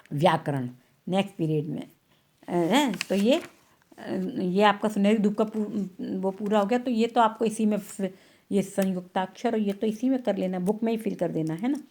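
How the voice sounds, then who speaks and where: A woman's voice: mid-range voice, normal speed, darkish tone. A woman teacher giving an online class, patiently repeating words and checking that pupils follow.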